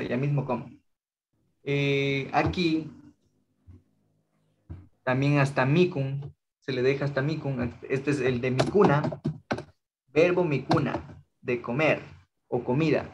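A young man with an Ecuadorian Spanish accent teaching an online language class, patient and slow, often checking in with his students. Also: mid-range voice, slight background noise. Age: young adult. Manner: patient, slow drilling of phrases, checks in with frequent "¿sí?".

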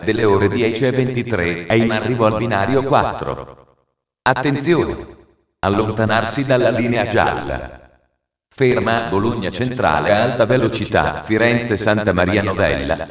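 A man with a low voice delivers automated train notices through a distant station public address system. His wording is formal, measured and stitched together in pieces, and the sound is muffled with heavy hall-like echo.

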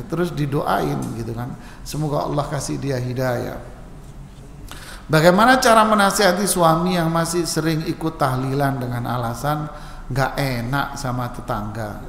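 Guy preaching q and a in a mosque, fairly high voice, lots of hall echo, jokey. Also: gravelly, a little hiss or hum. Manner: relaxed, joking, mimics regional speech for laughs. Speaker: Islamic preacher answering questions. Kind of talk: mosque study sermon, question and answer. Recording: echoey mosque hall with long reverb, faint ambience.

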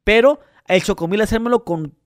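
A man with a Mexican accent, telling animated childhood stories with crude slang in a casual podcast chat. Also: high-pitched, a little fast, no echo, studio quality. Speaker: podcast co-host.

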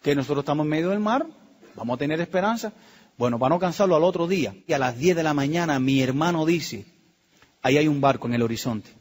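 A middle-aged Cuban man telling a personal story to an audience, acting out the quotes and dropping to a hush at tense moments. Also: fairly high pitch, expressive, fast talker. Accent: Cuban Spanish. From Cuba. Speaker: speaker telling his story.

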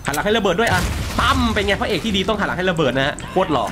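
A young man commentating his horror game play, excitable and crude, joking and swearing at enemies. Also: high-pitched, very fast, over music. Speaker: gaming streamer.

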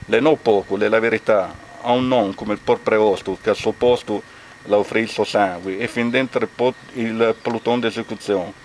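Lombard guy, lowish voice, lots of ums, reading a poem in dialect outside. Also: fairly even intonation, normal speed, a little mellow, a little hiss or hum. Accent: Lombard Italian. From Castano area, Lombardy. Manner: hesitant, many fillers. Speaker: speaker at a commemoration. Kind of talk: informal remarks then reading a dialect poem. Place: outdoors at a memorial bike ride.

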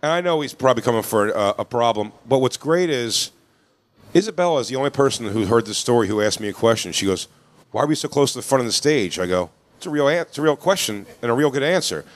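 A man telling a comedic story on a podcast, acting out the dialogue and laughing as he goes. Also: medium pitch. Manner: animated, acts out dialogue, laughs mid-story. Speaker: podcast co-host.

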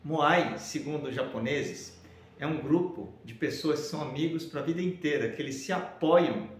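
A man speaks directly to his viewers in a casual, upbeat way, like a speaker pitching an idea. His voice sits a little high for a man. The camera mic picks up a noticeably roomy, echoey studio space. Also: moderate pace. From Brazil. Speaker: professional speaker. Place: indoor studio room with shelves.

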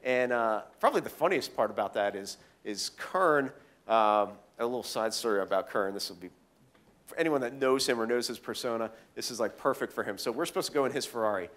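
A man telling goofy stories in a casual interview, animated and full of fillers. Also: medium pitch, a little fast. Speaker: guest speaker.

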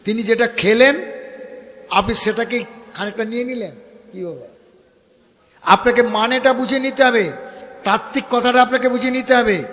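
A man with a West Bengal accent gives a devotional sermon, speaking high in his register. He preaches directly to his audience and breaks into chanted verses. The sound rings with a long hall reverb. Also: normal speed, long pauses, fairly bright tone. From India. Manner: preachy, addresses listeners as baba. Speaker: Bhagavat reciter. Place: gathering at a home, live audience.

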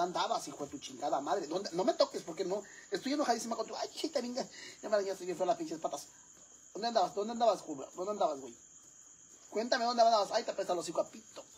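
A man's voice: on the high side, gravelly, darkish tone, slight background noise. A man with a Mexican accent playing a brash, foul-mouthed middle-aged woman who gossips with her viewers in a comic vlog. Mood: scolding. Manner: crude, gossipy, addresses viewers as sisters.

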